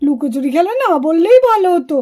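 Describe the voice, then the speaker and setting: A woman voicing excitable, bossy village boys who find gold in a puppet cartoon. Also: extremely high pitch, fast. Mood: excited.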